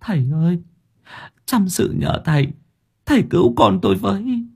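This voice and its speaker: Tearful pleading mother, voiced by a man, high and husky. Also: huge pitch swings, normal speed, a little mellow, heavily acted. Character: desperate weeping mother.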